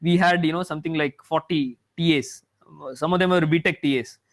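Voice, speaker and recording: This high-voiced male maths professor, a native Tamil speaker, talks fairly quickly in a lecture format. He wanders as he goes, often restarting sentences and saying "you know."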